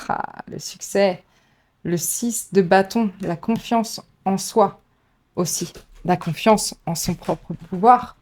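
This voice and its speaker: A woman tarot reader speaking directly to her viewers in a relaxed, chatty way, full of fillers and self-mocking asides. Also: medium pitch. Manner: chatty, laughs at herself, many fillers. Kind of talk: casual tarot reading to camera.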